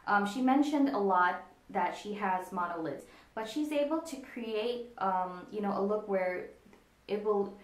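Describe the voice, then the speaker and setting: A woman giving a casual makeup tutorial, talking in a relaxed, meandering way with frequent ums. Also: mid-range voice, a little slow. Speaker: makeup vlogger. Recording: echoey room.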